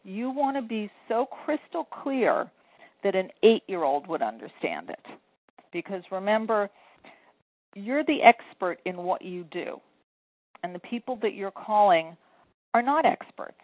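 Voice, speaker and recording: A woman sales coach talks earnestly on a tinny phone line, laying out her advice step by step. Her voice is dry and close, with no room sound around it, and her pitch sits in the middle. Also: very animated, unhurried, no echo. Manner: earnest, encouraging, explains step by step. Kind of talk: phone interview. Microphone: telephone.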